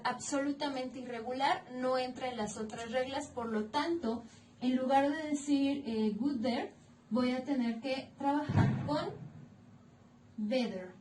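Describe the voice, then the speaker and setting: A Mexican woman teaching English grammar in Spanish, explaining each rule slowly and clearly, step by step, in a recorded lesson. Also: sits high, darkish tone, slight background noise. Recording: echoey room, mic at a distance.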